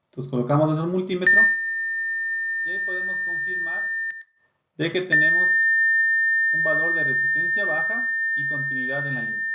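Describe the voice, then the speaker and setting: Male instructor, step-by-step explainer; slightly high pitch, roomy echo. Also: very noisy. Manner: explanatory, checks in with "¿sí?". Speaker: automotive diagnostics instructor. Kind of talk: technical lesson walkthrough.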